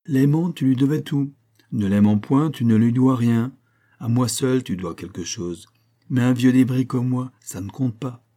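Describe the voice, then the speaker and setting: A man's voice: medium pitch, a little slow, warm tone, voice pushed up, natural voice. A man voicing a bitter, sarcastic older man who lectures a friend in an audiobook. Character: old man Liénard, bitter and cutting.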